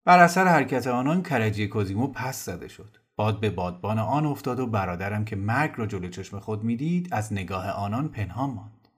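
A man narrating a novel in a calm, measured storytelling voice. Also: lowish voice, breathy edge.

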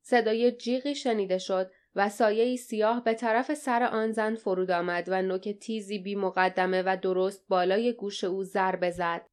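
A woman narrating an audiobook in a steady, dramatic storytelling style. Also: mid-range voice, few pauses, smooth. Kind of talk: scripted narration.

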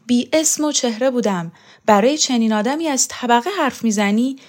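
A woman reading a novel aloud, voicing a proud, wounded elderly woman who speaks in shrill, indignant bursts. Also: a little mellow, lightly acted. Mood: bitter, anguished.

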